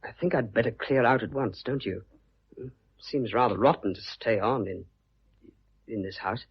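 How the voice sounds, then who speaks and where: A man playing an earnest, awkward young businessman in love, talking in a blustering, gruffly tender way in a radio play. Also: medium pitch, moderate pace. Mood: eager. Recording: dull lo-fi recording.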